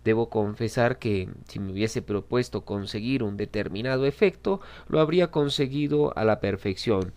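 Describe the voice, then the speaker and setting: Smooth low-voiced male narrator. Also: a little mellow. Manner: measured, dramatic reading, voicing quoted lines. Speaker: audiobook reader. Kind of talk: scripted narration of a classic novel.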